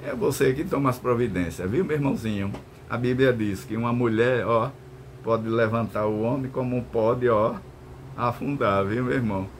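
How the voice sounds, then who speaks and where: A man's voice: normal speed, a little hiss or hum. An older man explaining the law in a casual, emphatic way. He repeats himself and keeps checking that the listener follows. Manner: emphatic, repetitive, keeps asking "entendeu?" and saying "meu irmão"; lively swings in pitch, mock-stern asides. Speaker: law lecturer answering viewer questions.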